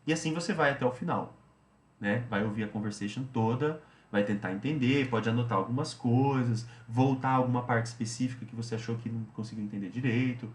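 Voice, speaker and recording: A man's voice: medium pitch, a little fast, roomy sound. A man teaching English, explaining a study routine in a chatty way, often repeating himself and tagging phrases.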